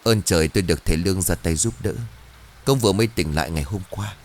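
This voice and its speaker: A man voicing a middle-aged village husband in a calm, slightly lowered voice. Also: fast talker, a little hiss or hum, lightly acted. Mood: relieved.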